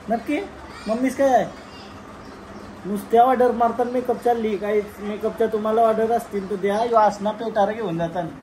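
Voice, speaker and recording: A young man vlogging casually with his family, lively and teasing as he calls out to the people around him. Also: high voice, a little hiss or hum. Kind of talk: casual family vlog chat.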